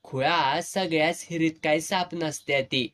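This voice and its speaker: Man reading as a cheeky, bossy village girl, pitched a touch high, storybook reading. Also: steady tone, measured pace, a bit bright. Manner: brash, teasing, bossy. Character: bold, mischievous village girl, quick-tempered.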